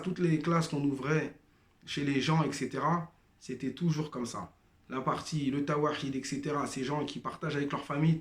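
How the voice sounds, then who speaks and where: Speaking in a reverberant space, this man has a medium-pitched voice. He is a former member giving a personal testimony to his brothers and sisters, stumbling through many fillers and restarts. Arabic is not his first language.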